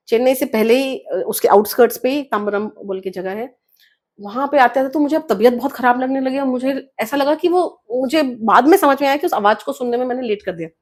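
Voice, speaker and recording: A woman's voice: on the high side, darkish tone. A woman guest telling a personal story in an interview, earnest, often mixing English words into her speech. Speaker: guest author.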